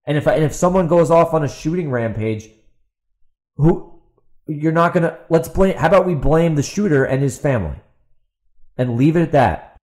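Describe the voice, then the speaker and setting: With a somewhat high, darkish voice, animated delivery, normal speed, and long pauses, a man who hosts a podcast and writes books rants without a script. He sounds exasperated and sarcastic, repeating himself for emphasis and questioning an absent opponent rhetorically.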